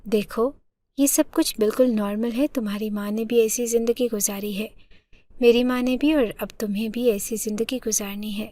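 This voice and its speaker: A woman voicing a calm young husband who lectures and coaxes softly in a told story. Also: on the high side, no echo, lightly acted. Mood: coaxing. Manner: soft, coaxing, lecturing.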